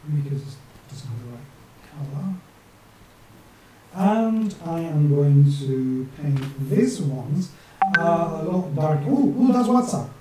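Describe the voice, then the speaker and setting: This time the same forties-aged map illustrator and channel host sounds higher, slower and dark-toned, with big swings in pitch. His non-native English carries some northern English influence as he rambles, jokes and talks to himself while drawing on screen. The small home room with a desk and webcam gives a very echoey sound, a distant mic and a faint hiss.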